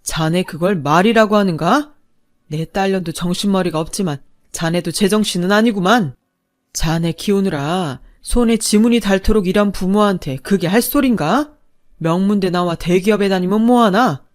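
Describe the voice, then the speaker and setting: A woman's voice: mid-range voice, moderate pace, natural voice. A woman voicing a stern, wealthy older father-in-law who scolds in old-fashioned, authoritative speech, in a storytelling narration. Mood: contemptuous.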